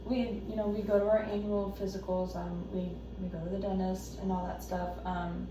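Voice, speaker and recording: An anxious, devoted wife, acted by a woman in a role-play, talking haltingly as if justifying herself. She sounds distant from the mic in a strongly echoing room with noticeable noise. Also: medium pitch, little pitch movement, close to an everyday voice. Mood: defensive. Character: anxious, devoted wife caring for her husband. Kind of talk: role-play counselling session. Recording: echoey room, distant mic, noisy background.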